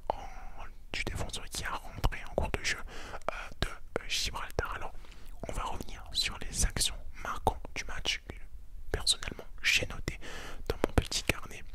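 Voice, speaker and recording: A man speaks entirely in a soft, unvoiced whisper. He sounds very close, right in your ear, in an intimate ASMR style. He hosts a relaxed sports debrief, talking the listener through it quietly. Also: normal speed. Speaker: ASMR video creator and host.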